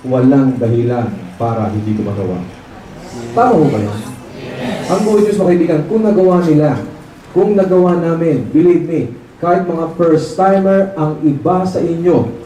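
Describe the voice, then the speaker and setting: A high-pitched man delivers a lively motivational seminar talk, animatedly telling his story and often checking that the crowd agrees. He is recorded from far off in a large, heavily echoing hall, with faint noise underneath. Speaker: seminar speaker, training director. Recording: very echoey hall, mic far off.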